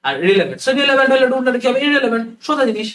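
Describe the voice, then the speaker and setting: A man's voice: very high-pitched, expressive, very fast, a bit bright. A young man giving a classroom lecture on word meanings, explaining step by step and often repeating key words. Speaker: English vocabulary teacher. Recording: roomy echo, voice from a distance.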